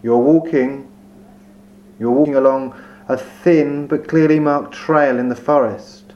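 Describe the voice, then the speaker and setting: A man leading a guided meditation in a slow, soft, soothing voice with long pauses. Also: mid-range voice, fairly even intonation. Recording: dull lo-fi recording with faint hum.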